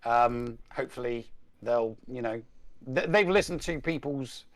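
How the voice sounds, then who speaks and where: A man's voice: medium pitch, a little slow, no echo. A man in casual chat as a guest, rambling and repeating words as he searches for them.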